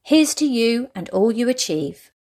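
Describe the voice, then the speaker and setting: Female mindset coach, slightly high voice, scripted self-help advice delivered in an encouraging, neatly organised manner. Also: very animated, a little slow, dark tone.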